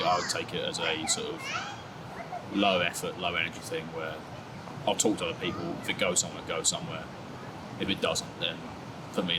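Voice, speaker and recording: A low-pitched young man in his twenties, heard over heavy background noise, talks casually and candidly as an interviewee. He laughs at himself, stays laid-back, and pads his speech with "sort of" and "like."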